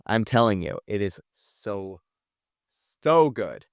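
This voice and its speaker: A man's voice: fairly low pitch, big pitch swings, slow pace, no room sound, studio quality. A man co-hosting a podcast, talking casually and emphatically about movies, with lots of fillers and the odd swear. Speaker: podcast co-host. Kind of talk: casual movie review chat.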